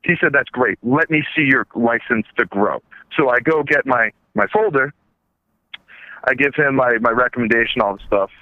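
A man's voice: medium pitch, animated, moderate pace, dry recording. Male call-in guest, tinny phone line, dry, rambling and blunt. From South Shore, Massachusetts. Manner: rambling, blunt storyteller with curse slips. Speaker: caller. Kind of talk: telling a story on a phone call.

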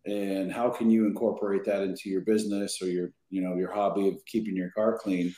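Man, casual podcast guest, lively, dark timbre, echoey room. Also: deep voice. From Southern California. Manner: lively, quick bursts with many fillers. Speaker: podcast guest, detailer and product maker. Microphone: remote podcast call.

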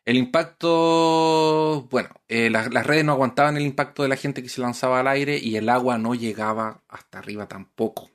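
A man's voice: medium pitch, fairly even intonation, normal speed. A man hosting a podcast, telling a historical story in casual chat, with many hesitations and restarts. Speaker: podcast host.

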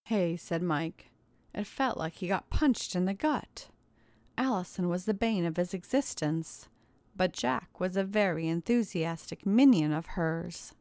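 A woman's voice: lowish voice, expressive, a little slow, darkish tone, no echo. Woman narrating a story, dry sound.

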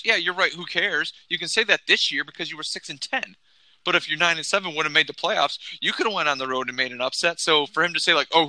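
A man co-hosting a sports talk show, skeptical and halting, often repeating his words. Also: a little high, pushed and bright, no echo, rough recording. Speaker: sports podcast co-host.

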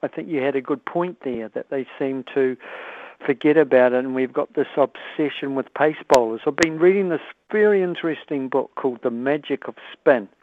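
A man's voice: medium pitch, moderate pace. Hesitant New Zealand man on phone. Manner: hesitant, many fillers. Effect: heard over the phone. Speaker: talkback radio caller. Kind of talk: casual phone-in chat. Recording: dry tinny phone line.

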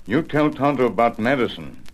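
Tonto, terse broken-English western companion. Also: male voice, mid-range voice, expressive, fairly quick, low-quality recording. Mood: watchful, calm. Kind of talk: 1940s-50s radio western acting. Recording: old radio recording with faint hiss.

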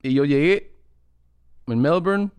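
A man's voice: a little high, animated, slow, darkish tone, smooth, no echo. Dry-sounding man chatting with a laugh. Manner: laughs easily, acts out quoted locals. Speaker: podcast host. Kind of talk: casual chat.

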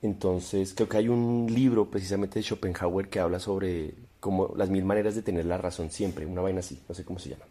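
A man's voice: deep voice, fairly even intonation, a little fast, few pauses, warm tone. A man, a podcast guest chatting casually in a joking, rambling, provocative way. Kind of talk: casual chat.

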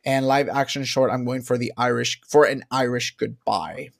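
A man's voice: mid-range voice, moderate pace, creaky. A man, a guest film reviewer, chatting casually about award picks and laughing easily.

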